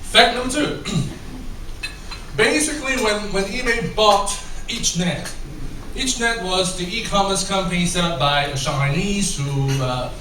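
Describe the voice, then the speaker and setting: A Singaporean corporate trainer with a blend of English and American accents gives a chatty conference talk, quizzing his audience. His voice is high, a little slow, bright and forceful. He's heard from a distance in a large, echoey, noisy hall full of listeners.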